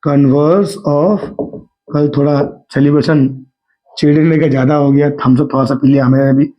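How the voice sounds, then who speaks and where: Slightly hoarse man teaching math. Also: fairly high pitch, steady tone, moderate pace. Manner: coaxing, keeps asking the class if they understood. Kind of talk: Hindi math lesson at a whiteboard. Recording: dull lo-fi recording.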